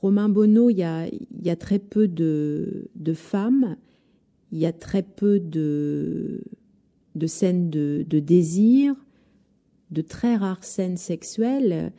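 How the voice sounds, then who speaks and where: A woman hosting an interview, asking a question in a slow, searching way with repeated words. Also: on the low side, mellow. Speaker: host.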